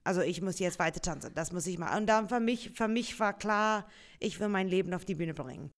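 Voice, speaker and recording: A woman's voice: fairly low pitch, a little fast. Australian woman speaking German, laughs often. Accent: Australian English. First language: English. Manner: lively storyteller, laughs often, simple non-native phrasing. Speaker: musical theatre performer, guest. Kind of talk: casual interview chat.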